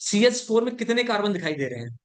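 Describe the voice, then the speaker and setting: Very animated and high-voiced, a male chemistry teacher lectures his classroom. He checks comprehension again and again, weaves in English terms, and shifts from slow dictation to quicker explanation.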